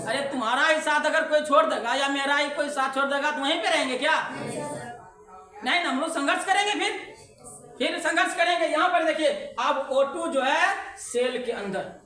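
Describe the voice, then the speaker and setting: A woman's voice: high-pitched, normal speed, pushed and bright, roomy sound. A woman science teacher, giving an online class in a playful call-and-response way and laughing often.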